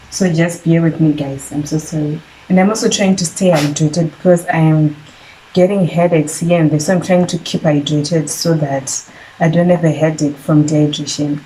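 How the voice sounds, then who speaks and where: A young woman from Zimbabwe talks casually to her viewers, calling them besties and leaning on "so yeah" between thoughts. Her voice is fairly low and mellow, with a slight lisp from a painful jaw after a tooth extraction. A faint background hum sits under the talk. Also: poor audio. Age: 20s. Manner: chatty, repeats "so yeah", addresses viewers as besties. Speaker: vlogger. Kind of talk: casual vlog talk to camera. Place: rural home.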